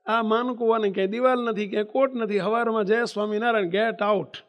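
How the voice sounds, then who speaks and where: A man's voice: high voice, fairly even intonation, fast. A male preacher, giving a devotional sermon and telling a story, full of emphatic rhetorical questions and pleading repetition. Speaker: religious preacher.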